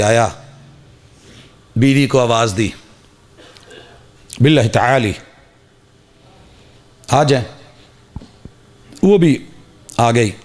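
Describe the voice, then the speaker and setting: A man preaching a sermon, shifting from quiet storytelling to loud shouted calls, full of rhetorical questions and repeated phrases. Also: mid-range voice.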